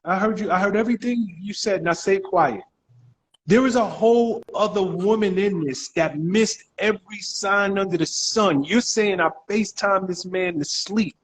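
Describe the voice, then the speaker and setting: Direct high-voiced male talk show host. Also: rough recording. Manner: probing and direct, halting restarts. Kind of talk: live talk show questioning.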